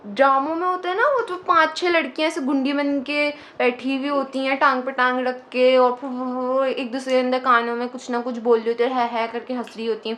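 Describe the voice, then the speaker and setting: A young woman casually telling a personal story, animated and dropping English phrases into her speech. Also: sits high.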